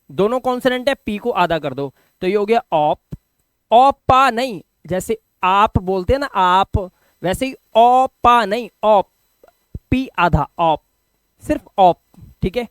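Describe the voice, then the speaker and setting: A man teaching English pronunciation, sounding out words syllable by syllable with lively emphasis. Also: high voice, dry recording. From India. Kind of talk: explaining pronunciation lesson.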